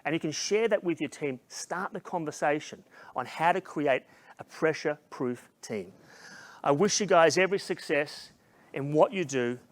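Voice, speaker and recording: A middle-aged man giving a motivational keynote talk, telling a story with passion and dropping to a hushed voice in its emotional moments. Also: fairly high pitch, moderate pace. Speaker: keynote speaker.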